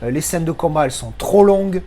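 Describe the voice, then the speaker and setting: A man's voice: a little high, animated, fast talker, mellow. A man speaking French as his first language gives a casual spoken film review, ranting and swearing with frequent restarts.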